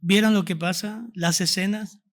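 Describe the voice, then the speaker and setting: High-voiced Argentine preacher. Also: male voice, steady tone, normal speed. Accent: Argentine Spanish. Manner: preaching with rhetorical questions to the congregation. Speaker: pastor. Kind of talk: sermon. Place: church service.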